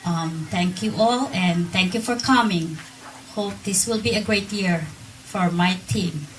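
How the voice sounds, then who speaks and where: A middle-aged woman speaks slowly and a little low, hesitating with frequent ums as she gives an installation speech. She is picked up from a distance, with faint room noise underneath. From Philippines. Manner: hesitant, many ums, unscripted. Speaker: incoming board member.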